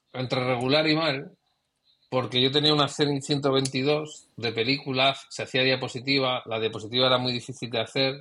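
A middle-aged professional photographer from Spain talks over his career in a reflective, conversational interview, breaking off and restarting his thoughts. His mid-range voice is bright and forceful.

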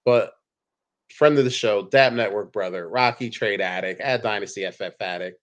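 Laid-back, slightly low-voiced male podcast host. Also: normal speed, fairly bright tone. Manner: laid-back, joking, chuckles often. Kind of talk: casual fantasy football podcast chat.

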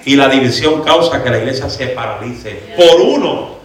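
A man preaching in a church, telling a comic story in an animated way and now and then switching into English. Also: medium pitch, normal speed. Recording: very echoey church hall, mic from far off.

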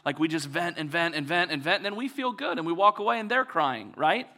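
A man's voice: fairly high pitch, lively intonation, brisk, pushed and bright. A man preaching a conversational sermon as a pastor, acting out quoted voices with touches of humor.

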